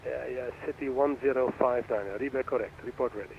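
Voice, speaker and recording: A man's voice: mid-range voice, steady tone, brisk, creaky. Male air traffic controller on tinny radio. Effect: radio transmission. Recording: narrow tinny radio, faint noise.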